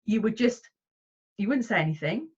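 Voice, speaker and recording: A woman in her forties with a slightly husky, breathy voice, talking freely as a parent coach. She explains at an even middle pitch, then bursts into bright, high acted-out lines when she quotes parents or children. The sound is dull and lo-fi, like a video call. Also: moderate pace. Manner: animated, acts out voices of parents and children with big pitch jumps. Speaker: parent coach, interview guest. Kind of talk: casual interview chat.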